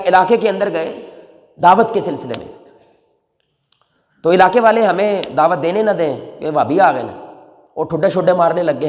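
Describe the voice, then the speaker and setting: A male preacher, telling a story in an emotional sermon that swings between soft pleading and loud exhortation. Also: high voice. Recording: long reverb in a large hall.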